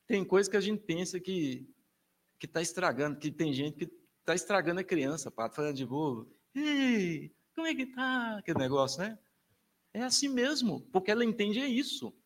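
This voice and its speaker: Brazilian priest giving a talk, kinda high voice, punchy and chatty, big swings up and down. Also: male voice, lively intonation, brisk. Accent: Brazilian Portuguese. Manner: emphatic, colloquial, with wide swings in pitch and loudness. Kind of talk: lecture to families.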